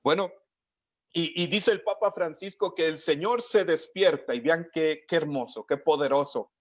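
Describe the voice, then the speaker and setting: A man preaching a sermon in an earnest way, slowing down to stress key words and acting out the lines he quotes. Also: fairly high pitch. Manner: acts out the quoted lines of the scripture. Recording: dry, dull lo-fi audio.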